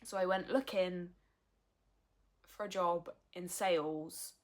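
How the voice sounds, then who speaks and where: Woman, early twenties, candid vlog talk, earnest, somewhat low voice. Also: steady tone, takes it slowly. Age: early 20s. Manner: frank, earnest, with swearing. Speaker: vlogger.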